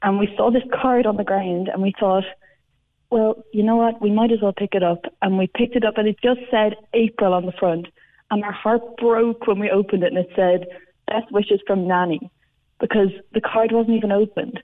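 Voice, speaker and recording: A woman's voice: mid-range voice, steady tone, normal speed. Young woman, Irish accent, casual anecdote, radio phone-in, tinny line. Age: young adult. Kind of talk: casual storytelling.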